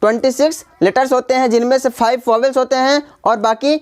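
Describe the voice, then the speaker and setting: Teacher, female, Hindi accent, slightly high voice, patient drilling delivery that spells out words. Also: steady tone, a little fast, a little mellow. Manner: repetitive, spells words letter by letter, frequent "ठीक है" check-ins. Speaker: English grammar teacher. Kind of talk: classroom-style grammar lesson.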